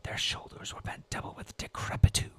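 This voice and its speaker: A man's voice: fairly quick, bright, forceful tone. Whispering young man reading old prose. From New England. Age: 20s. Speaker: storyteller. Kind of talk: whispered role-play.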